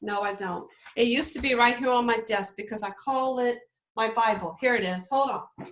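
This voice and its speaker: A woman's voice: fairly high pitch, moderate pace, fairly bright tone, a little hiss or hum, rough recording. A woman leading a team meeting on a video call, upbeat and coaching, checking in with her listeners often. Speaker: network marketing team leader.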